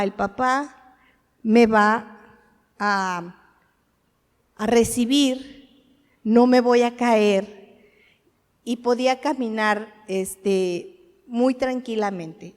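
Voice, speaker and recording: A woman with a fairly high voice preaches a sermon. She talks to the congregation in a conversational way, asks them questions and acts out short quoted lines of dialogue. A long hall reverb trails her words. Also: a little mellow.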